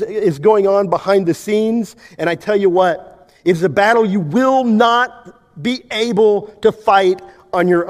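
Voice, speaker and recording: A male pastor giving a sermon, preaching with emphasis and big swings between loud and quiet. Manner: emphatic preaching, wide swings in pitch and loudness. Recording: long hall reverb.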